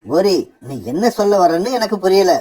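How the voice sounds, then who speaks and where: Brief: voice actor as a soft-spoken cartoon father crow, mild and pleading, mid-pitched. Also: lively intonation, normal speed, lightly acted. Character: gentle father crow, husband. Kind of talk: cartoon voice acting.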